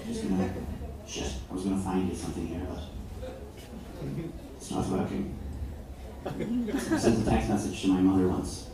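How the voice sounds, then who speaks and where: A man's voice: low-pitched, wildly swooping pitch, normal speed, long pauses, crowd noise. A man with an Irish accent performing stand-up comedy at a live show and laughing at his own jokes. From Ireland. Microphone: far camera. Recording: distant echoey noisy camera audio.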